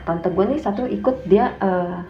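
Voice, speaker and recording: A woman's voice: mid-range voice, normal speed. A young woman with a Jakarta slang accent, telling a story as a guest in casual talk and acting out quotes. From Indonesia. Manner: animated, acts out quotes in a raised voice. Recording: echoey room, dull sound, faint hum.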